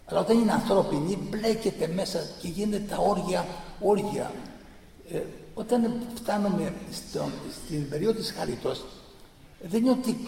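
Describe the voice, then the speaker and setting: Male lecturer, gravelly and fervent, emphatic repetition; distant mic in a roomy hall. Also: high-pitched, dark tone, slight background noise. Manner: fervent, emphatic, piles up repeated phrases. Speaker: speaker giving a talk on church tradition. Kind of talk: impassioned public lecture. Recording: echoey hall from far off.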